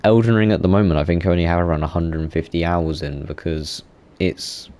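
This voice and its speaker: A young man rambles through a casual gaming monologue as a YouTuber, full of fillers and self-corrections. His low voice is a little mellow with fairly even intonation, and he talks fairly quickly.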